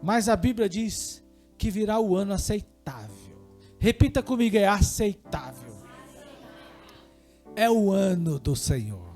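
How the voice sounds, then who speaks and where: Fervent Brazilian pastor, high-pitched. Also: male voice, big pitch swings, unhurried, pauses often, faint music behind. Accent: Brazilian Portuguese. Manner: passionate preaching, swinging between quiet talk and shouting. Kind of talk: sermon. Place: church service.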